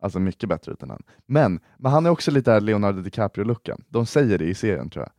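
A man's voice: on the low side, lively intonation, darkish tone, dry recording, clean studio sound. A young man co-hosting a podcast, chatting casually in a playful, teasing way. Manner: playful, teasing, jumpy delivery. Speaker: podcast co-host. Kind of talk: casual chat.

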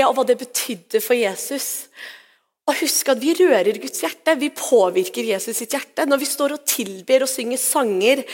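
A woman pastor giving a sermon in a church service, retelling scripture in a personal, conversational way. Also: sits high. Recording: long hall reverb.

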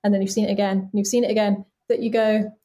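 A woman's voice: mid-range voice, little pitch movement, fast talker, dark tone. Woman, late twenties, interview guest, earnest, chatty, frequent fillers. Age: late 20s. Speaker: body casting artist, guest. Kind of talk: casual interview conversation.

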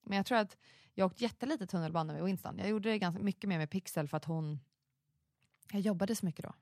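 A woman in her thirties hosting a casual chat, talkative and quick to exclaim. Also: medium pitch, vocal fry, no echo, studio quality. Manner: chatty, animated, quick to exclaim.

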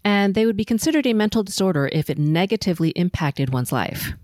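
A middle-aged woman from Los Angeles hosting a solo podcast, telling her life story in a measured, composed, prepared way. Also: medium pitch, animated, a little mellow, no echo, studio quality. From Los Angeles, USA. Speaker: podcast host. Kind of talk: autobiographical solo podcast narration.

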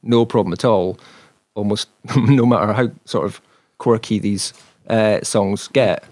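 A man's voice: fairly low pitch, a little slow, darkish tone, dry recording. A man co-hosting a podcast, reviewing an album in rambling, chuckling casual chat. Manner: rambling, repeats words, chuckles often. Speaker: podcast co-host.

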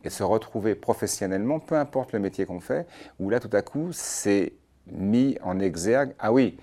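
A man's voice: lowish voice, animated, normal speed, warm tone. A man hosting an interview, asking long, rambling questions that he rephrases as he goes. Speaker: interview host. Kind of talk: conversational interview.

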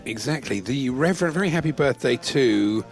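Creaky-voiced man telling corny jokes. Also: mid-range voice, expressive, normal speed, faint music behind. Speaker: co-host reading out celebrity birthdays. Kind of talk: casual comic banter with pun punchlines.

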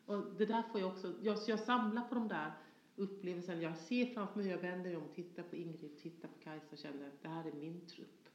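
A woman from Småland, a guest in a personal conversation, telling her story passionately; she moves from soft tones to forceful ones. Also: lowish voice. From Sweden, Småland. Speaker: interview guest. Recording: dull, echoey room sound.

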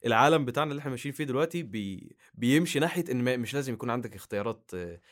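A man from Egypt with an Egyptian Arabic accent, a guest on a podcast, talking in a halting way with many restarts. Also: medium pitch, expressive. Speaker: guest, YouTuber. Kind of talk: casual podcast chat.

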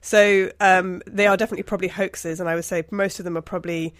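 A woman on a podcast panel, explaining things casually and rephrasing to be clear. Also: on the low side, steady tone, fast talker, dry recording.

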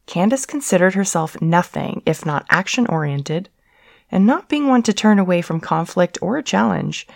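A woman hosting her own podcast, reading a romance short story aloud in a measured, deliberate way with playful emphasis. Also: fairly low pitch, animated, vocal fry, a little mellow, dry recording, clean studio sound. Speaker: podcast host and story narrator. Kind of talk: scripted romance story narration.

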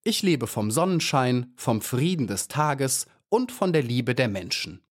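Man voicing a grandiose beetle poet for a storybook, lively swooping pitch, unhurried. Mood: pompous. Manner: grandiose, self-important, theatrical. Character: pompous little male ladybird poet.

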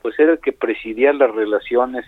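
A man's voice: medium pitch, brisk, breathy edge, dry recording. A man with a Mexican accent, an ambassador giving his view as a phone guest, speaking hesitantly with many fillers. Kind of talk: phone interview commentary. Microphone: telephone. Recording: tinny phone line.

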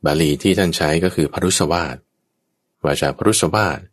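Deep husky-voiced monk teaching. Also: male voice, normal speed. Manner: patient and explanatory, briefly acting out everyday speech as examples. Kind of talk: conversational Dharma teaching.

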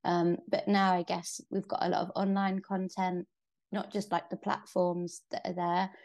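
A woman's voice: on the low side, level tone, moderate pace, creaky, darkish tone. A woman talking casually as an interview guest, rambling a little and thinking aloud with many fillers. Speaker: interview guest, pole athlete. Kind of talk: casual conversation.

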